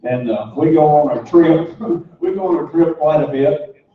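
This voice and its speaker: A man's voice: a little high, a little slow. A man telling a folksy, rambling anecdote to an audience, repeating his phrases. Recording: echoey hall, distant mic, dull sound.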